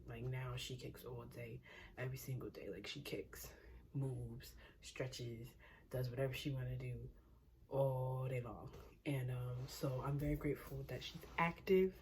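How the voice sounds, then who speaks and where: Low-voiced chatty pregnant woman. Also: darkish tone, slight background noise. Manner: chatty, rambling, laughs often, drops to a near whisper at times. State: short of breath from pregnancy. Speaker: pregnancy vlogger. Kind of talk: casual vlog chat.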